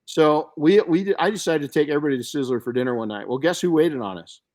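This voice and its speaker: Animated older man telling stories. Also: a little high, fast talker. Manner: animated storyteller with many restarts. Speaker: podcast host. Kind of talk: casual podcast chat.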